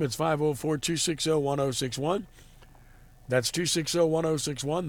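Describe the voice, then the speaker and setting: A man hosting a sports talk radio show, giving commentary. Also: medium pitch.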